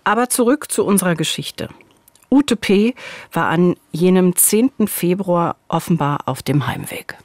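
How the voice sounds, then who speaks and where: A woman in her forties hosts a true-crime podcast from a small dark studio, reading scripted narration in dialogue into a studio boom microphone while wearing headphones. Her voice is on the low side and a little mellow, with lively intonation and an unhurried pace, and the recording is dry.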